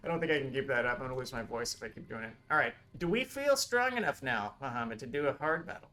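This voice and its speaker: A man's voice: mid-range voice, racing, bright, forceful tone, a little hiss or hum. A man leading a casual gameplay chat on a stream, upbeat and thinking aloud as he plays. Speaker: game studio head playing on a stream.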